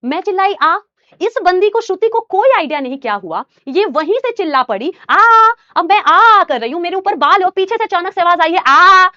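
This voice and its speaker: A young woman teacher telling a personal story in a casual, animated way, addressing listeners like her students. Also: very high-pitched, brisk, hardly any pauses, no room sound, highs cut off.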